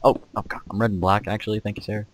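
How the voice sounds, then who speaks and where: A man's voice: on the low side, flat delivery, racing, background noise. A man playing a multiplayer video game with a friend, laughing, swearing and mocking him in casual banter. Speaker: game player.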